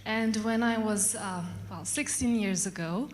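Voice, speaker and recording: A woman's voice: medium pitch, unhurried. Polite woman asking a question. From Bosnia and Herzegovina. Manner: polite, hesitant, many fillers. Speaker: audience member asking a question. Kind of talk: audience question at a conference. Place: conference hall. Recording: long hall reverb, faint ambience.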